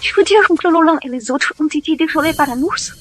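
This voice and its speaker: A woman voicing a wary, sceptical child in an animated village drama. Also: sits high, fairly quick, faint music behind. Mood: worried. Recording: clear background noise.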